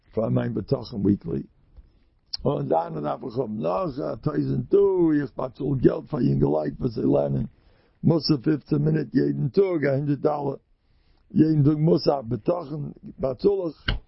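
A man giving an informal religious talk with personal stories, halting with many restarts and repeated words. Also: a little high, creaky, breathy edge, dry recording, muffled recording. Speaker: religious speaker.

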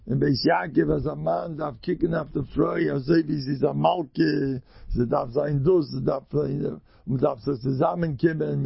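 A man with a fairly high, deeply gravelly and husky voice gives an informal religious talk, weaving in personal stories. He speaks haltingly, breaking off and repeating words as he searches for the thread. The recording is dull and lo-fi, with a dry, close sound. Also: no echo.

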